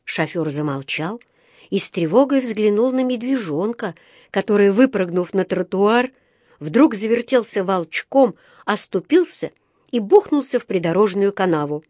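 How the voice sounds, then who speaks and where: A woman narrating a children's storybook in an expressive reading voice. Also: mid-range voice, normal speed, no room sound, clean studio sound. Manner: expressive, voices each character. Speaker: audiobook reader.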